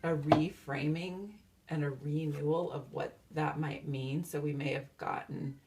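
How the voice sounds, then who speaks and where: A woman's voice: low voice, steady tone, unhurried, heavy background noise. A woman giving a casual, meandering tarot reading, dreamy and full of fillers and restarts. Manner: self-described valley-girl talk. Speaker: tarot reader.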